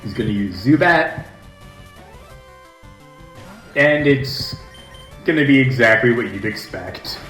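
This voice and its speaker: A man's voice: mid-range voice, lively intonation, moderate pace, fairly bright tone, soft background music. Man with an echoey big-room sound. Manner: joking, chatty asides. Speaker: let's play host. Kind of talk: casual gameplay commentary. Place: larger room at home.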